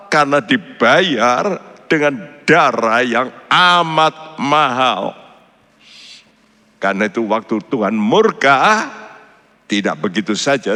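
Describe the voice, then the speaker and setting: Male pastor, unhurried emphatic sermon, mid-pitched voice, echoing church hall. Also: pushed and bright. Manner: emphatic, with sudden pitch jumps on key words.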